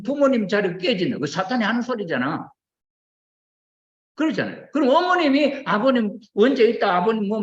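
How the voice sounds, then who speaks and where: An older man preaching a sermon, questioning his listeners and acting out quoted voices as he goes. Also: sits high. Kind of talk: sermon to a congregation. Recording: roomy, dull lo-fi recording.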